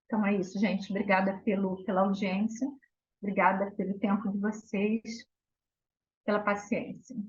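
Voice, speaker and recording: A Brazilian woman giving a guest lecture at an academic seminar, talking quickly and often restarting her sentences. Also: medium pitch, little pitch movement, highs cut off, slight background noise. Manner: fast, warm, with repeated restarts.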